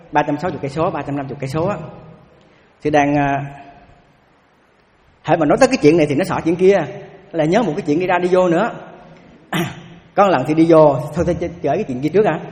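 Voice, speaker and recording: A Buddhist monk gives a dharma talk, speaking quickly in a fairly high voice. He tells stories in an animated way, repeats himself and keeps asking his listeners questions. His voice rings with the long reverb of a large hall. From south-central Vietnam. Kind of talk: dharma talk with personal anecdotes.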